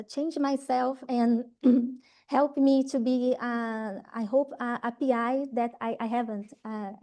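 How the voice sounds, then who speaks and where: A Brazilian woman speaking English as a second language, with a Brazilian Portuguese accent, gives trainees an informal talk. She's hesitant, full of fillers and restarts, and keeps saying "right?". Her voice is low with a dark tone.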